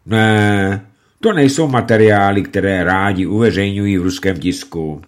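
A man voicing an earnest middle-aged male prisoner who speaks in a measured, serious way. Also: on the low side, close to an everyday voice.

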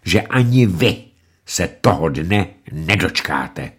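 A man voicing an arrogant, furious older male leader, loud and scornful. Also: low voice, expressive, husky. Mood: angry scorn.

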